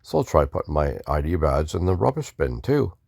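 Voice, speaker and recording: A man's voice: very deep voice, sing-song, brisk, gravelly, darkish tone, breathy edge, no room sound, clean studio sound. A man casually talking through a video game playthrough, mumbling offhand asides and restarting words. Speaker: gamer doing a playthrough. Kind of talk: casual gameplay commentary.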